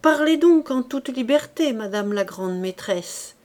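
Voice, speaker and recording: A woman's voice: a little high, lively intonation, unhurried, a little mellow. A woman reading aloud, voicing an anxious, emotional princess with a raised, pleading delivery. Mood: relieved. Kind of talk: audiobook reading.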